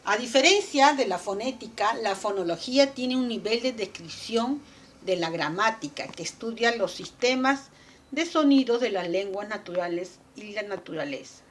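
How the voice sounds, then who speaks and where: A woman giving a lecture at a middle pitch, laying out ideas step by step. She poses questions and then answers them herself. Her talk is full of small tag questions and fillers. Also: lively intonation, moderate pace, slight background noise. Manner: explanatory, asks and answers her own questions. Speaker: teacher. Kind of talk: lecture on language development.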